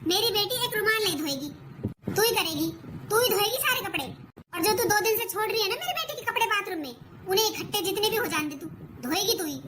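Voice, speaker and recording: Cartoon mother-in-law, older, taunting and bossy, voiced by a woman; very high voice, noisy track. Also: animated, a little fast. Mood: scolding. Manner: scolding, taunting. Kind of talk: cartoon voice acting. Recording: noisy recording.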